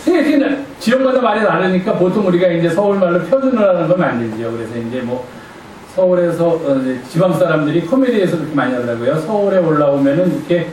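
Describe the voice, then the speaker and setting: A man's voice: a little high, expressive, fast, a little mellow, far from the mic, a little hiss or hum. A male pastor giving a conversational sermon, playfully quizzing his congregation. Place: church sanctuary. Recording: echoey church hall from afar.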